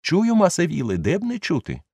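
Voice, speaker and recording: Fearful old manservant, thin high voice, dry close mic. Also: male voice, huge pitch swings, brisk, darkish tone, breathy edge, dry recording, full character voice. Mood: plaintive. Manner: plaintive, pleading, high squeaky voice. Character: fearful old male servant climbing a tree.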